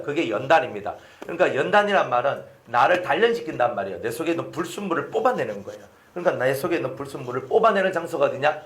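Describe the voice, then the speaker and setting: A man's voice: a little high, reverberant. A man preaching a sermon, asking his listeners questions and acting out the lines of the people in his story. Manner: animated, asks the congregation questions and acts out quoted lines. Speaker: pastor.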